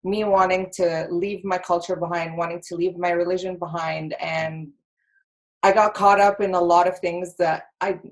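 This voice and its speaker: A woman's voice: on the low side, level tone, normal speed. Bubbly Egyptian-born woman guest. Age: 30s. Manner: bubbly, laughs easily, many fillers. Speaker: podcast guest. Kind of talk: casual interview talk.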